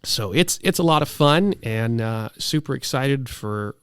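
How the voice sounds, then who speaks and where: A man's voice: medium pitch, lively intonation, measured pace, fairly bright tone, smooth, no echo. Guy in his 30s telling stories in a casual interview, pretty enthusiastic, dry clean sound. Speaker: air show announcer, interview guest.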